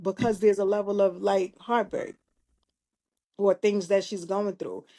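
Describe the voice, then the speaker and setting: Female podcast co-host, mid-pitched, relaxed and chatty, lots of restarts. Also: measured pace. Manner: thinks aloud with many restarts and emphatic asides. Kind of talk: casual chat.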